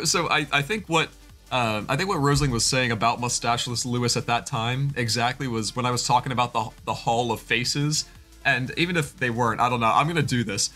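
A man's voice: mid-range voice, bright, forceful tone. A young man in his twenties streaming live, chatting casually and rambling, with a stuffy nose from allergies. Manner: rambling, chatty, thanks chat by name.

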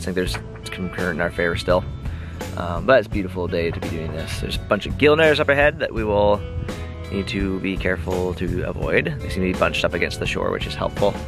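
This laid-back sailing vlogger, a man in his 30s, rambles to a camera held at arm's length, with ums everywhere in his low-pitched voice. Music runs beneath the outdoor sound as he moves between the deck and the cabin of a sailboat at sea.

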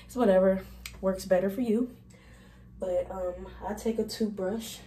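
Young woman beauty vlogger, warm mellow voice, chatty and informal, walks viewers step by step. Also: mid-range voice, steady tone, unhurried. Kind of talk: casual hair tutorial.

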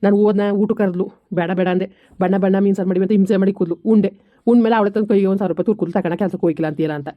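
Woman doing a grumpy jobless village husband, fast defensive talk, dry dull lo-fi sound. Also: medium pitch, fairly even intonation, no echo, close to an everyday voice. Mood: grumbling. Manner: defensive, complaining. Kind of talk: village comedy skit.

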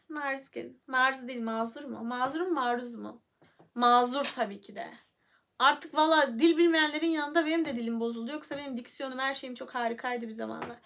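Livestreaming casually from her phone, a young woman with a high, fairly bright voice and some vocal fry reads viewers' comments out loud. She banters playfully, chats freely, and breaks into hummed, sung nonsense syllables.

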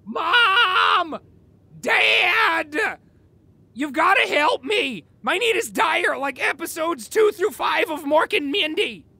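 An actor playing a bratty, loud, syrup-obsessed young man in a comedy radio play, whiny and boastful. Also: very high-pitched, very animated, a little slow, vocal fry, few pauses, heavily acted. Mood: frantic.

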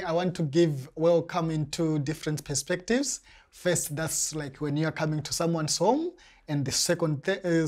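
A young man from Zimbabwe with a Zimbabwean accent, answering interview questions carefully with pauses and restarts, on a lapel mic in a small studio. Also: fairly high pitch, a little mellow. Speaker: interview guest, church member. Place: small indoor studio set.

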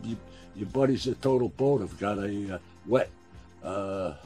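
A man in his sixties with a husky voice, chatting casually in a gruff, wry, halting way. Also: lowish voice, warm tone, soft background music. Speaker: boat builder and owner being interviewed. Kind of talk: casual chat. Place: small wooden sailboat cabin.

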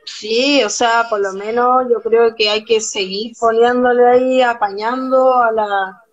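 A young Chilean woman, a documentary photographer, is a guest in a casual live-stream interview, speaking earnestly and fast with many restarts. Her voice is a little high and steady. She is in a small room at home on a lo-fi video call, picked up by a phone camera.

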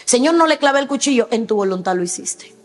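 A middle-aged woman pastor preaching a sermon emphatically, breaking into sudden high shouts and acted quotes. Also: expressive, quick pace, long reverb tail, faint music behind.

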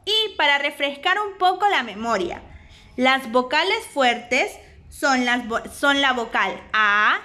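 Honduran spanish lady teacher, high bright voice, slow and careful. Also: very animated. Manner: slow, deliberate, spells out syllables. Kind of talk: recorded grammar lesson.

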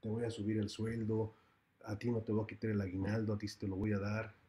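A man's voice: on the low side, completely flat delivery, fast, dark tone, natural voice. A man voicing a jealous, cuckolded king with a Mexican Spanish accent, brooding and then bluff and boastful. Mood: effusive.

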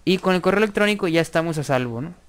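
A man talks through a coding tutorial, pausing to dictate code as he types. His voice sits a little high and comes across smooth and clear. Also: lively intonation. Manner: thinks aloud while typing, slow dictation of code. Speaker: programming tutor. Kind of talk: screen-recorded coding tutorial.

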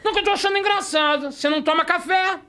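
Guy doing his strict mom voice, high and sharp, bossing her kid around. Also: very fast. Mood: stern. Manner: clipped, scolding commands. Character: stern older mother, strict and gossipy.

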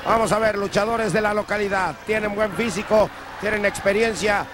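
A Mexican man giving chatty, colloquial wrestling commentary with shout-outs. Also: sits high, fairly even intonation, normal speed. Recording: very noisy old TV arena recording.

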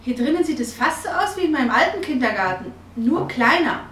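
A woman's voice: high voice, animated, a little slow, a little mellow, a little hiss or hum, pitched above the performer's own voice. A woman voicing a stubborn, sulky little girl who pouts and talks back, recorded in an echoey room from a distance. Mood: hesitant. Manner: pouting, defiant.

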